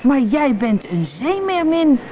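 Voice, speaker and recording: A woman's voice: mid-range voice, sing-song, brisk, dark tone, slight background noise, voice pushed up, natural voice. A woman voicing a kind young boy who calls out encouragingly, in a storybook reading. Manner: calling out, encouraging. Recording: storybook audio with background music.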